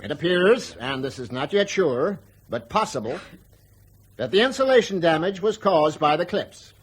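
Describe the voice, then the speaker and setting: A man with a slightly high, husky, expressive voice plays an aircraft company spokesman in a radio drama. Defensive yet reassuring, he explains formally and carefully in a measured way, hedging his emphasis.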